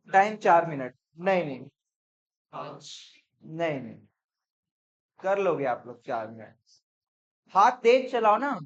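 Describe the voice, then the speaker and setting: A high-voiced male commerce teacher gives an accounts lecture in class, brisk and encouraging, often asking "theek hai?" to check that students are following. The classroom recording sounds dull and lo-fi.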